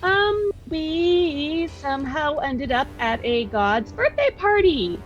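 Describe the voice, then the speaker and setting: A woman's voice: high-pitched, sing-song, slow, soft background music. A woman playing a tabletop game, making dry, wry remarks in character. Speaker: player. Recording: dull lo-fi recording.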